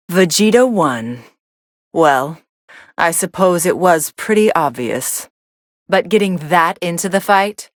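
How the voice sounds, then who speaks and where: A woman's voice: on the low side, no echo. A woman playing a cool, sardonic young female android fighter commentating matches in an anime video game, with a dry, sarcastic delivery.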